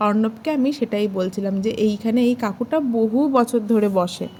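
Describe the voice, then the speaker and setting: A woman's voice: on the high side, steady tone, normal speed, darkish tone, slight background noise. A young woman from Kolkata, chatting directly to her viewers as she narrates her family vlog. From Kolkata, India. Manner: homely, conversational storytelling. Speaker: family vlogger. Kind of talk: casual vlog voice-over.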